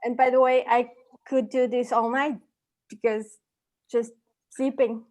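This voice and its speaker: Halting, emotional woman on a video call. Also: on the high side, flat delivery, darkish tone. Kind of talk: casual toast.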